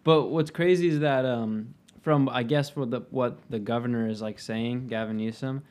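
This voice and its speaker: A young man chats casually with his friends. He speaks in a relaxed, hesitant way at a mid pitch. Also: moderate pace. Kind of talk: casual chat among friends.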